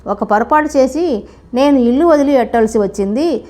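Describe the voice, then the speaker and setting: A woman voicing a clever, calm young daughter-in-law in a folk tale, speaking in a deliberate, knowing way. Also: high voice.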